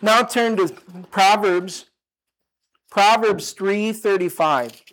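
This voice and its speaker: An older man giving a sermon, talking in a relaxed conversational way with asides and restarts. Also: high voice, takes it slowly. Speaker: pastor.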